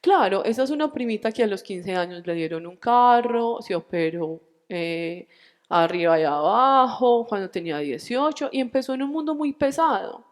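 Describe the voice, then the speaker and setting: A Colombian woman in her forties tells a personal faith story, animated and full of acted-out dialogue. Her voice sits at a medium pitch for a woman. A long reverb from a large hall trails after her words. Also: moderate pace. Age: 40s. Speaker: testimony speaker at a church retreat.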